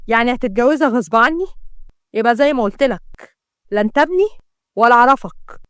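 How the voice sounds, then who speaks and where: A woman's voice: fairly high pitch, animated, fast talker, fairly bright tone, clear, resonant tone, dry recording, studio quality. A woman voicing a stern, sorrowful middle-aged uncle with an Egyptian accent. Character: grieving stern middle-aged uncle, disowning his son.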